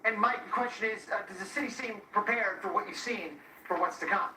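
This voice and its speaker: A man presenting a live forecast as a TV weather expert, deliberate and emphatic, repeating key points. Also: high-pitched, sharp tone. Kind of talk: live forecast explanation and handoff. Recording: roomy, distant sound with faint noise.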